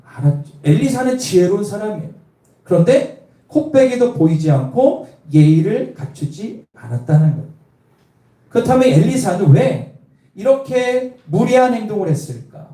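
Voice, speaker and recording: Guy preaching, high pitched, keeps asking the crowd questions, echoey hall. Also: big pitch swings, normal speed, mellow. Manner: storytelling, quizzing the congregation with questions. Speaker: pastor. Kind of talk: sermon. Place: church. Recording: echoey room, voice from a distance.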